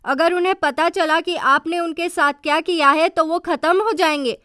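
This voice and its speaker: A woman's voice: extremely high pitch, fairly even intonation, moderate pace, bright, forceful tone, no room sound, studio quality. A woman voicing a young heroine who is heartbroken and defiant, in a pleading, emotional way. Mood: accusing.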